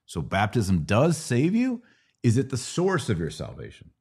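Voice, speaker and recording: A middle-aged American podcast host fields religious questions in a conversational, teaching style, checking in with rhetorical questions. His medium-pitched voice is a little mellow and slightly rough, with huge pitch swings and an unhurried pace.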